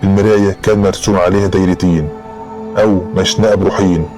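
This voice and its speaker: A man's voice: low-pitched, steady tone, fast talker, music in the background. A man with an Egyptian Arabic accent narrating a horror story in the first person, in a dramatic storytelling style.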